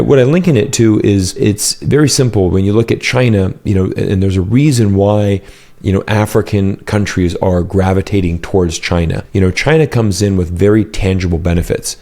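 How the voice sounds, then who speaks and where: A man from the United States, a guest in an interview, explaining his views fluently with many "you know" fillers, recorded on a boom mic in a home office. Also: dark tone. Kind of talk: casual interview answers. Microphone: headset and boom mic.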